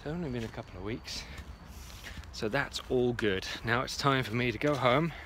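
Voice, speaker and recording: A man's voice: mid-range voice, moderate pace, noisy background. Chatty man vlogging outdoors by phone. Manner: chatty, muttering to himself as he works. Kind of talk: casual walk-and-talk vlog. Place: outdoor garden allotment at dusk. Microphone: phone camera at arm's length.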